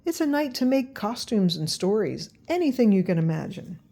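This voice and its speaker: A woman's voice: mid-range voice, very animated, moderate pace, dark tone. A woman voicing an eccentric, generous male mad scientist in a storybook, gleefully explaining himself.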